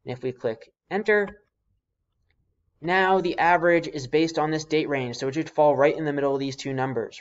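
A man giving a casual step-by-step software tutorial, spelling out formulas symbol by symbol as if dictating. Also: on the high side. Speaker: spreadsheet tutorial instructor. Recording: slightly dull, lo-fi voice-over.

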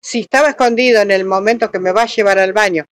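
A woman in her sixties with a Rioplatense Spanish accent, giving halting interview testimony about what happened to her, full of restarts and fillers. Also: mid-range voice, dry recording. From Uruguay. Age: 60s. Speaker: robbery victim.

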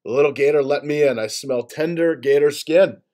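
Storybook villain: a man doing a raspy, bullying male boar, mellow low voice, sing-song threats. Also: normal speed, lightly acted. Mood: menacing. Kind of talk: storybook reading.

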